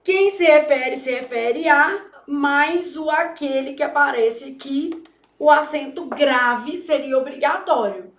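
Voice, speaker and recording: High-voiced emphatic woman teaching grammar. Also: slow, fairly bright tone, reverberant. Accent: Brazilian Portuguese. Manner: emphatic, dramatic, full of teacherly checks. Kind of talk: exam-prep grammar lesson.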